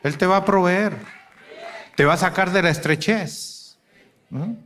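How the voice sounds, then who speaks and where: A man preaching a sermon to a congregation, asking rhetorical questions and swinging between loud and hushed delivery. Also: high voice, a little slow, some chatter behind. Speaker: pastor.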